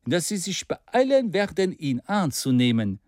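An eager grown man voiced by a male reader pleads and persuades in a storybook reading, his voice sitting fairly high for a man. The sound is dry and close, with no room around it. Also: very animated, a little slow, a little mellow, no echo. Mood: urging.

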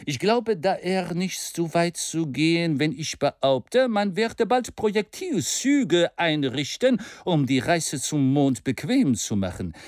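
A man's voice: fairly high pitch, no echo, studio quality, voice pushed up. A man reading aloud and voicing a bold, fiery male orator who speaks in a rousing, declamatory way.

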